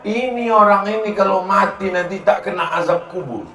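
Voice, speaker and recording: A man's voice: sits high, normal speed, bright, forceful tone. A man preaching in a humorous, emphatic way, putting rhetorical questions to his listeners. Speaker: preacher answering audience questions. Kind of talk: humorous sermon with question and answer. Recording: echoey hall with background noise.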